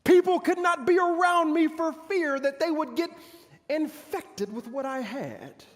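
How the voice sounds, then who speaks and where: A man, a pastor, gives a theatrical monologue on a big church hall stage in the role of a boastful, bitter and proud commander of ancient Israel's army. Speaking in a very high voice, he is pompous and very animated, breaking his lines with dramatic pauses while his anguish echoes through long reverb.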